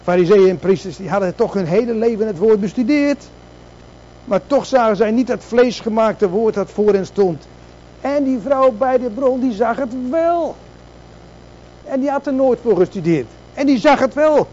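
A man's voice: high-pitched, lively intonation, moderate pace, dark tone, dull audio, a little hiss or hum. A man preaching a sermon, asking rhetorical questions and repeating words for emphasis.

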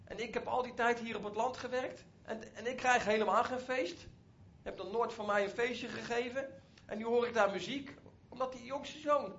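A man's voice: extremely high pitch, normal speed, hardly any pauses, a bit bright, highs cut off, a little hiss or hum. A man voicing a jealous grown elder son who complains indignantly about being overlooked. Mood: resentful.

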